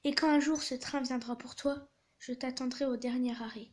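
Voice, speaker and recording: A woman voicing a remorseful mother texting her son in a text-message story, earnest and tender. The voice is high and bright. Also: fairly even intonation, normal speed, lightly acted. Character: remorseful, loving middle-aged mother.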